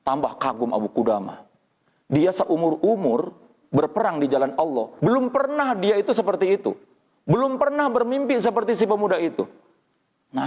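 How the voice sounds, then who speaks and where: Man preaching a story in a reverberant hall. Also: darkish tone. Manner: dramatic retelling with quoted dialogue, pitch rising and falling. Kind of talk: storytelling sermon. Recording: dull lo-fi audio with long hall reverb.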